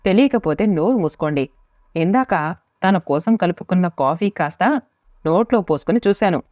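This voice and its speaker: A biting, quarrelsome middle-aged wife from a storybook tale, as a woman narrator puts her on, her voice a little low for a woman. She nags and snaps in a scolding manner. The recording is dry and slightly muffled. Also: lively intonation, moderate pace, a little mellow, dry recording, close to an everyday voice.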